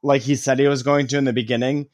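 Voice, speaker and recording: A man telling stories in a casual podcast chat, mid-pitched and animated, swearing freely and filling gaps with "like." The recording is dry and close, with no room around it. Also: quick pace, no echo. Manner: profane, animated storytelling with filler "like". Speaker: podcast co-host.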